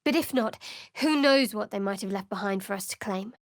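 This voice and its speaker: A woman plays a young cleric of a dark goddess for a fantasy game, lightly acted at a medium pitch. She comes across as wry and secretive, choosing her words in a measured, guarded manner. The audio is dry and close, with no room sound.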